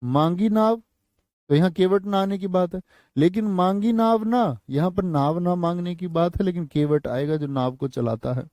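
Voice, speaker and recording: A man teaching an online exam-prep class in Hindi with a North Indian accent. His voice sits high but has a mellow, dry tone, close and free of room sound. He drills each line slowly and repeats it, then drops into chatty asides to his students. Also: no room sound. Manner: slow, repeats phrases for dictation; addresses students with casual asides.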